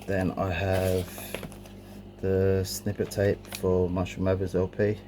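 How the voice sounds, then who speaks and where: A middle-aged man talks slowly in a low-pitched monotone as he presents his cassette collection. The show-and-tell is casual and unscripted, a little hesitant, recorded on an amateur camera with clear background noise.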